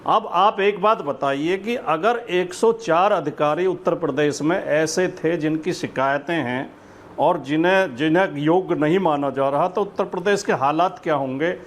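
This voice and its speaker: A man's voice: on the high side, normal speed. A man speaking for his party in a TV debate, opening with a couplet and asking rhetorical questions. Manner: opens with poetry, rhetorical. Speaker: party spokesperson. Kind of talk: debate argument.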